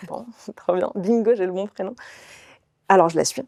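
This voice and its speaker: A woman in her thirties, an interview guest telling a personal anecdote in a lively way and acting out the dialogue of the people in it. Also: medium pitch, moderate pace, vocal fry, no room sound, clean studio sound.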